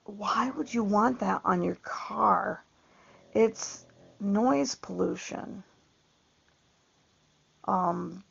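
A woman's voice: medium pitch, gravelly, husky. A middle-aged woman chatting in a meandering way, repeating words and laughing often. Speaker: vlogger. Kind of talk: casual rambling monologue. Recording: dull lo-fi recording.

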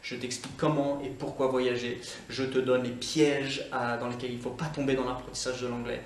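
A man's voice: medium pitch, a little fast. A man from Scotland, an online English teacher, giving a chatty YouTube language lesson full of small hesitations. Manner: lively and chatty, many hesitations. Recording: roomy, distant mic.

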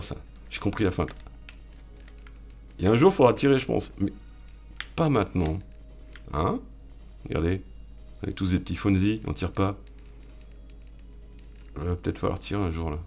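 A man hosting a gaming video, joking and shouting at the game as he plays and talks to his viewers. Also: fairly low pitch, vocal fry. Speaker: gaming channel host. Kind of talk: live let's-play commentary.

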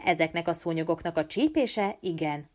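A woman's voice: fairly low pitch, expressive, natural voice. A woman voicing a clever, serious teenage boy who leads a band of children, curt and matter-of-fact. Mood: earnest.

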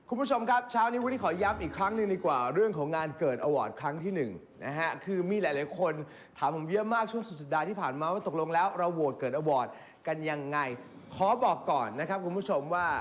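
A man hosting a morning entertainment show, chatting directly to the viewers in a friendly, talkative way. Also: on the high side. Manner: chatty, addresses viewers directly with polite particles. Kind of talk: lively morning TV chat.

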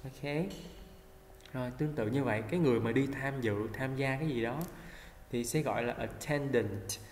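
A man's voice: medium pitch, a little mellow. Male teacher, patient and repetitive drilling, reverberant room. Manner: patient, repeats words slowly to model pronunciation. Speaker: English teacher. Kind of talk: vocabulary lesson. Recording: echoey room with faint hum.

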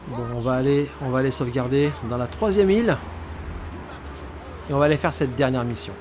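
Over loud game audio of sirens, vehicles and sound effects, a let's player jokes around and talks to his on-screen character. His voice is mid-range and a little fast, his commentary casual and animated.

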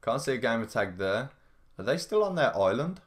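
A man hosting a gaming livestream, giving casual running commentary in an excitable way, often repeating his phrases and exclaiming. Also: medium pitch, normal speed. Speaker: livestream gamer, host. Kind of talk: live gameplay commentary, casual.

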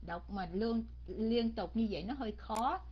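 Slow, careful woman teaching pronunciation. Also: a little high, animated, breathy edge. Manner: slow, drilling words syllable by syllable. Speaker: English teacher. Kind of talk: pronunciation lesson. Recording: dull lo-fi recording.

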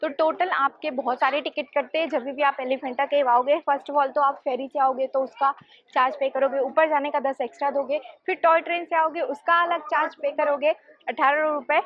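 A woman's voice: high-pitched, steady tone, normal speed, no room sound. A young woman filming a travel vlog outdoors on her phone, chatting upbeat as she explains each stop like a tour guide. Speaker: travel vlogger. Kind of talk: casual travel guide narration. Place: outdoors on a ferry and a busy island path. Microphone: phone camera held at arm's length. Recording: dull lo-fi phone audio with a crowd behind.

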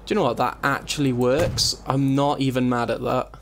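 A let's play host rambles through casual gameplay commentary, thinking aloud and cutting himself off often. His mid-range voice has vocal fry, fairly even intonation and a moderate pace. Recorded as voice-over on a compressed desktop mic, it picks up keyboard typing and faint room noise.

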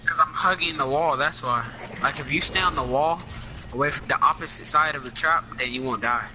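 A man's voice: a little high, a little fast, slight background noise. A man bantering cockily with his friend while they play a game together. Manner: cocky, joking banter. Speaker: gaming partner. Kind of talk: casual gameplay chat. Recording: dull lo-fi game chat audio.

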